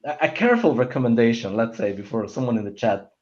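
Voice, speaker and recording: A fast-talking man with a mid-range, darkish, sing-song voice sits on a film discussion panel, casually chatting about opinions. He rambles and stammers, often beginning sentences again, heard through dull, muffled lo-fi audio.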